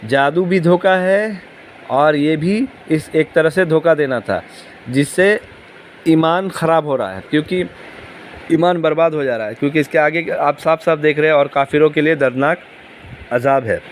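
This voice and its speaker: A man's voice: a little high, a little hiss or hum. A man teaching a Quran commentary lesson, explaining patiently, asking the listeners questions and repeating key words. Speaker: religious teacher.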